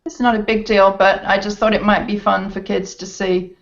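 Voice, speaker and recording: A woman's voice: mid-range voice, little pitch movement, moderate pace. A woman playwright chatting over a video call, friendly and a little apologetic. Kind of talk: casual chat. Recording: dull lo-fi video call audio.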